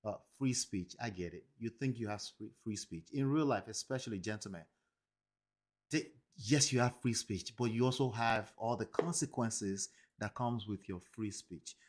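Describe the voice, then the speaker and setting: A man hosting a live stream gives casual commentary to his live chat in a lowish voice at a moderate pace. He talks emphatically to viewers, frequently checking in with "okay?" and "right?".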